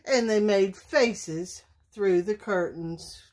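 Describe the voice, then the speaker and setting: A woman reads a children's picture book aloud at bedtime. She takes her time, with a slow, expressive delivery in a mid-range voice. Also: medium pitch. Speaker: storyteller. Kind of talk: bedtime story read-aloud.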